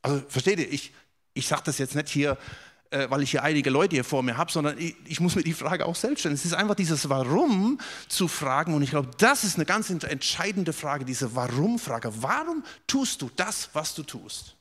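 Guy preaching a sermon, kinda high voice, earnest, keeps repeating himself to hammer a point. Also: expressive, brisk. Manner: earnest, addresses the listeners directly, repeats words for emphasis; drops to a soft, quiet voice for quoted questions.

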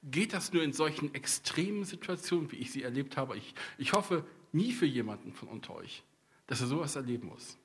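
A man's voice: on the high side, sing-song, fairly quick, husky. A middle-aged man from East Westphalia, a pastor preaching a sermon, telling personal stories with humorous asides and speaking straight to the congregation. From East Westphalia, Germany. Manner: conversational, addresses the congregation directly.

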